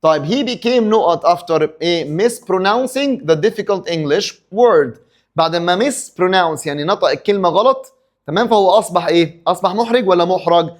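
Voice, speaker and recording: Speaking in a fairly high voice with an Egyptian Arabic accent, a man runs through an English exam review. He poses questions and answers them himself, breaking off now and then to encourage his listeners.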